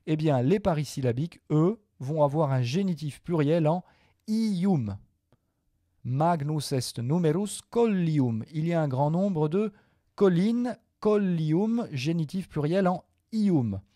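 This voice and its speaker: A man teaching a Latin grammar lesson to viewers, patient and methodical, repeating each form slowly with small hesitations. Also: fairly high pitch, lively intonation, mellow, no echo, studio quality.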